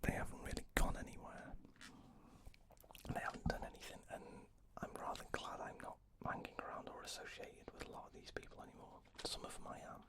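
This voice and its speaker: A man whispers an ASMR ramble very close to the microphone, as if into the listener's ear. His speech is fully unvoiced and breathy. He wanders along casually, with hesitant asides. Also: fairly quick.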